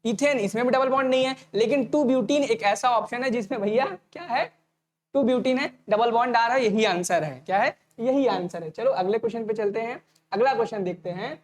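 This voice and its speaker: A man teaching an online exam-prep lecture, talking fast and repeating each point as a question to the students before answering it himself. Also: very high-pitched. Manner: casual, addresses students directly.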